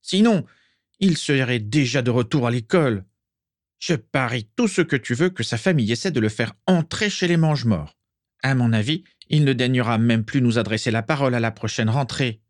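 A man voicing a bitter, humiliated teenage boy wizard who hisses and shouts with spite. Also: fairly low pitch, fairly even intonation, unhurried, slightly rough, dry recording, studio quality.

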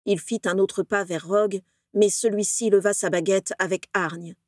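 Woman reading a fanfic out loud, steady narrator voice, dry recording. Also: medium pitch, moderate pace, dry recording. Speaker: reader. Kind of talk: audiobook narration of fan fiction.

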